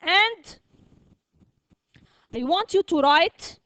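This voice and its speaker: Slow, high-voiced woman teaching a class. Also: lively intonation, fairly bright tone. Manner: slow, repetitive, drills words and checks with "okay?". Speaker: primary school English teacher. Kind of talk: classroom vocabulary lesson.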